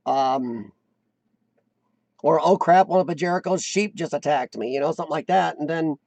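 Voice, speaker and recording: On a relaxed live-stream chat, the host meanders and makes fun of himself, frequently circling back on his sentences. His voice is fairly high, gravelly, and a touch mellow. It's recorded dry and close, with no echo.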